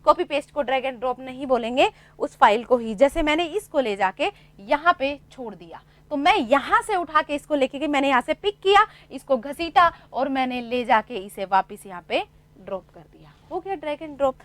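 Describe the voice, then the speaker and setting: A woman's voice: high-pitched, animated, normal speed, a bit bright, dry recording. A woman teacher explaining lessons patiently, asking rhetorical questions and repeating key points. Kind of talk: classroom lesson explaining computer basics.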